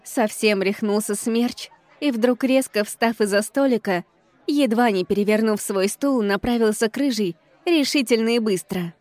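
A woman's voice: a little high, moderate pace, a little mellow, no echo. A woman reading a first-person audiobook with an ironic, exasperated tone. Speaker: audiobook reader.

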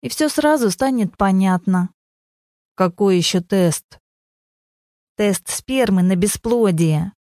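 A cool, dismissive young mother with a dry, sarcastic edge, as a woman reads her. Her delivery is unhurried and mellow, recorded close and dry. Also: mid-range voice, expressive, no room sound.

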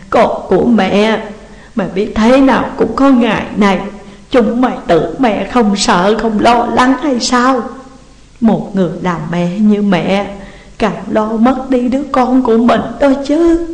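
Audiobook: woman doing a distraught mother, weepy, slow and pleading; reverberant hall sound. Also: a little high. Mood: sobbing. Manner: sobbing, slow and drawn-out pleading. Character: distraught middle-aged mother, tearful and pleading. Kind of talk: audiobook reading. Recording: roomy, long hall reverb.

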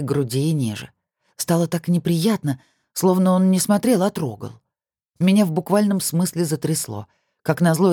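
An audiobook reader giving steady, even first-person novel narration. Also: mid-range voice, dry recording, clean studio sound.

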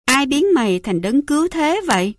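A woman's voice: sits high, animated, normal speed, no room sound, studio quality, voice pushed up. A woman voicing a cruel, scornful middle-aged mother who smokes and mocks her son. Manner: sneering, mocking, contemptuous.

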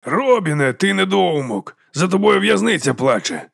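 A man voicing a loud, hot-tempered male gambler who yells at a boxer, his voice pushed high and strained. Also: sing-song, moderate pace, creaky, dry recording, clean studio sound, full character voice. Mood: scolding. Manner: shouting, scolding, high-pitched.

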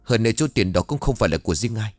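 A man's voice: lowish voice, animated, no echo, faint music behind, natural voice. A man playing a blunt, scolding young man. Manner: quick, scolding.

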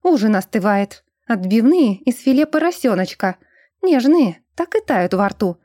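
A woman's voice: a little high, lively intonation, measured pace, mellow, no echo, clean studio sound. A woman voicing a curt, coldly angry young woman serving dinner in a storybook reading. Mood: icy.

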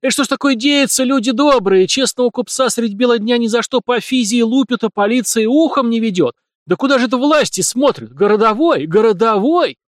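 A man voicing a fat, indignant male merchant with a shrill, squealing voice and self-righteous wailing. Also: very animated, normal speed, no echo, studio quality. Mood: shrieking.

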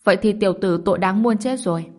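A woman's voice: medium pitch, quick pace, close to an everyday voice. A woman voicing a cocky, mocking young male martial artist in a spoken storybook. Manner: sarcastic, teasing.

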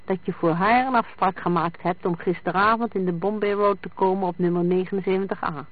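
A reader doing a calm, probing detective. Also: medium pitch, a little fast, no echo, close to an everyday voice. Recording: dry, tinny lo-fi sound.

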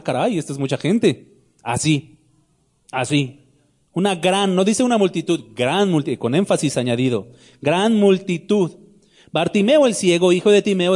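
Pastor, man, somewhat high-pitched, lively sermon delivery full of questions to the flock. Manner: animated preaching, asks the congregation questions, shouts the blind man's cry high.

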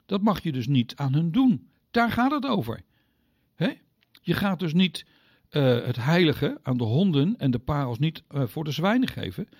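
A man teaching the Bible on the radio, speaking directly to his listeners and explaining step by step, with sudden pitch leaps on key words. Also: big pitch swings, normal speed, a little mellow, no echo, clean studio sound.

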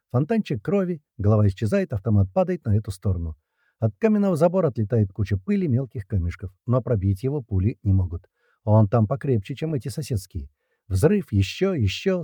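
Husky man narrating an action audiobook. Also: lowish voice, dark tone, no room sound, clean studio sound. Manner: tense action narration, dialogue read aloud. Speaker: audiobook reader. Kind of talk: first-person audiobook narration.

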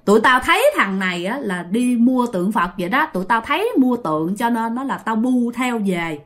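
A woman's voice: on the high side, animated, moderate pace, lightly acted. A woman voicing a crowd of vengeful male ghosts speaking through a possessed body, cursing and threatening in a Southern Vietnamese accent. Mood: menacing. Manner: threatening, shouting curses.

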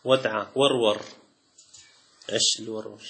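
Gravelly sheikh giving a lecture. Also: male voice, lowish voice, fairly even intonation, fairly bright tone. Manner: reads lists aloud, then adds quick colloquial asides. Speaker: sheikh teaching Islamic law. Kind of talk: classroom lecture reading and commenting on a text.

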